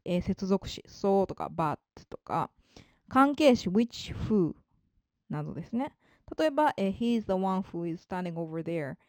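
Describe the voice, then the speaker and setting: Woman teaching English rhythm, lively pitch. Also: dry recording, clean studio sound. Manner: polite, explanatory, slows down to read English examples. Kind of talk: spoken grammar lesson.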